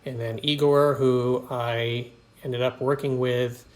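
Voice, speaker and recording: A man's voice: medium pitch, level tone, slow. A filmmaker hosting his own show, casually narrating behind-the-scenes clips in an easygoing, chatty way. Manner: easygoing, chatty, with small laughs and fillers.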